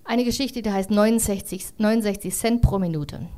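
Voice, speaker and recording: A woman reads a story aloud to listeners in a relaxed, chatty manner. She breaks off now and then with fillers. Her pitch sits mid-range for a woman. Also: brisk. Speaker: reader. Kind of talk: casual reading aloud to an audience.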